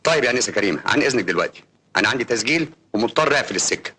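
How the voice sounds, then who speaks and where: An actor playing a calm, polite gentleman who speaks soothingly on the phone, in a classic film. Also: mid-range voice, very fast, husky. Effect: phone call. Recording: noisy old film soundtrack.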